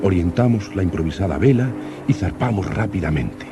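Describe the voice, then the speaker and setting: An actor playing an earnest, curious young explorer who narrates his expedition diary like an old radio serial announcer, in formal, measured diction. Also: low voice, expressive, noisy background. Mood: earnest narration. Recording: old radio drama with music.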